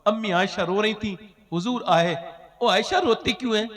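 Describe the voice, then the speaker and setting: Male preacher, high voice, dramatic storytelling sermon, echoing PA reverb. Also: moderate pace. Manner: dramatic, swinging from loud cries to hushed lines, half-sung phrases.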